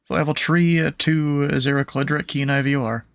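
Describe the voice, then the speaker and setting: A man's voice: on the high side, fairly even intonation, brisk. A man giving air traffic instructions as a controller, informal and hesitant, mixed with casual chat.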